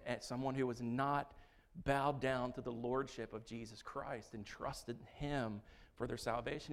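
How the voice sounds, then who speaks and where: Earnest male preacher with emphatic delivery. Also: mid-range voice. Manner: earnest, emphatic with repeated words and restarts. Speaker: pastor. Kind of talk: sermon.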